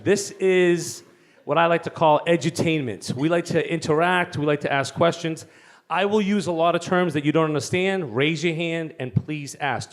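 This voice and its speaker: A man with a Boston accent giving a joking, audience-teasing talk at a conference. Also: on the high side. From Boston area. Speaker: conference speaker. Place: conference hall.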